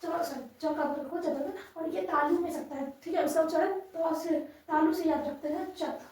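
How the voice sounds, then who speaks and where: Young female teacher, high pitch, patient and repetitive delivery, distant mic in a booming room. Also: fairly even intonation, a little mellow. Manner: patient, repeats sounds slowly, frequent "theek hai" checks. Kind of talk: Hindi grammar lesson, explaining at a board. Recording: echoey room, voice from far off.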